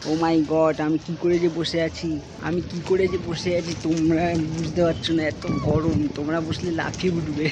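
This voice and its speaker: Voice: mid-range voice, level tone, moderate pace. A vlogger, talking casually to the camera outdoors and grumbling about the heat. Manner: talks a little softly beside the road. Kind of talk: casual vlog talk to the camera. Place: outdoors around home and street. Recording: noisy outdoor phone audio.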